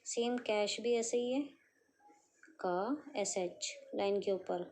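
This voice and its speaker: A woman teaching shorthand step by step, sounding out syllables slowly and answering her own questions. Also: mid-range voice, darkish tone, a little hiss or hum. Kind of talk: step-by-step lesson.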